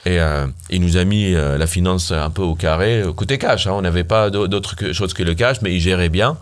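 Animated man. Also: deep voice, fairly quick. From Syria. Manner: animated, many fillers and restarts. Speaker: startup founder guest. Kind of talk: casual interview storytelling.

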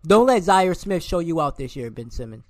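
A man's voice: a little high, sing-song, moderate pace, a little mellow, no room sound. A man co-hosting a casual sports podcast, ranting animatedly and calling players and coaches out. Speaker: podcast co-host.

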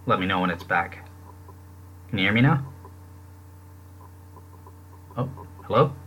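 A man's voice: sits low, expressive, brisk, lo-fi sound, slight background noise. A man talking in a casual online debate, his voice coming through buzzy, robotic call audio that keeps breaking up. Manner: hesitant, repeats words. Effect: buzzy, glitchy, robotic call audio that breaks up. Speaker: debater defending theism.

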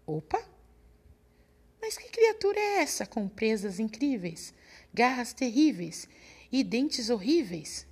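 Expressive woman reading a children's story. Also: a little high, a little slow, husky. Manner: expressive, singsong. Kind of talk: children's story read aloud.

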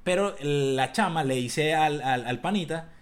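A man with a Venezuelan Spanish accent, co-hosting a podcast in casual, rambling, slang-filled chat. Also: fairly high pitch. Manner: rambling, slangy, reads aloud haltingly. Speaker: podcast co-host.

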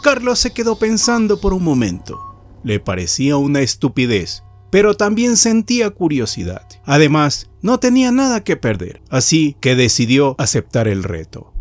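A man's voice: a little high, wildly swooping pitch, normal speed. A man reading a scripted horror story with dramatic storytelling. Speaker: narrator. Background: faint music.

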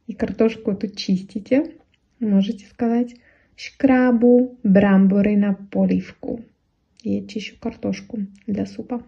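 A woman language teacher patiently translating a children's story and explaining words, sometimes laughing softly as she explains. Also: a little high, vocal fry, husky, highs cut off.

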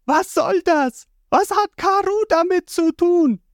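A man's voice: very high-pitched, takes it slowly, no room sound, studio quality, voice pushed up. A man voicing a determined young princess who speaks sharply and indignantly. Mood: fierce.

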